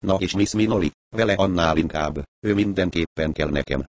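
A man voicing a calm, mocking male crime boss who threatens with smooth sarcasm. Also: low-pitched, no room sound, lightly acted. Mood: coolly threatening.

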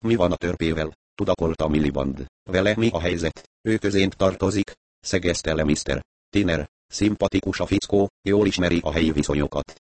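A man narrating a crime story aloud, reading dialogue and narration in a steady voice. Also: deep voice, no echo. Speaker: audiobook narrator. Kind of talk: scripted narration.

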